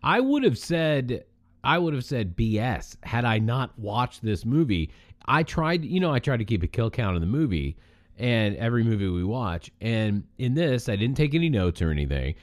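A man's voice: medium pitch, very animated, moderate pace, no room sound. A man co-hosting a podcast, chatting casually and telling things with emphasis. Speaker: podcast co-host. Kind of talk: casual chat.

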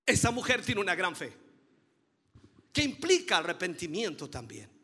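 A man with a very high, bright and ringing voice preaches a sermon with fervor, his pitch swinging widely as he stresses each point. He builds repeated phrases toward a climax and calls his listeners dear brother. His voice trails into a long hall reverb. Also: huge pitch swings, moderate pace, breathy edge. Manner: fervent, emphatic preaching with rising repeated phrases.

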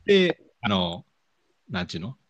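Kansai man with very animated intonation. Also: lowish voice, normal speed, highs cut off. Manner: informal, colloquial. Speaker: radio show co-host. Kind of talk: casual chat.

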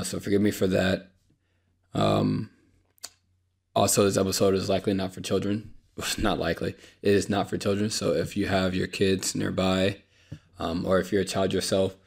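Speaking into a podcast microphone, a young man hosts an unscripted solo podcast in a low, husky, creaky voice with a darkish tone and flat delivery at a moderate pace. He sounds tired and apologetic, a bit dry, and fills his monologue with fillers and restarts.

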